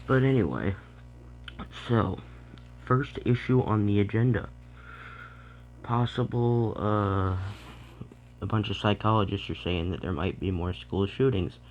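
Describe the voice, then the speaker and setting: A man's voice: low voice, lo-fi sound, a little hiss or hum. A man with a Boston accent, a rapper ranting bluntly and profanely about current issues in a casual vlog. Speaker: rapper and vlogger.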